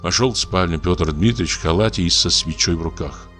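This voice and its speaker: A man narrating a literary story in a measured, expressive reading. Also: deep voice, faint music behind. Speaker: audiobook narrator.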